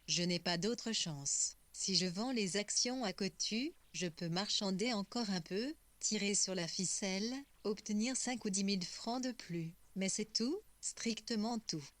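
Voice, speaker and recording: A woman's voice: medium pitch, no echo, lightly acted. A woman voicing an ambitious young man in an audiobook reading, with an earnest, reasoning manner.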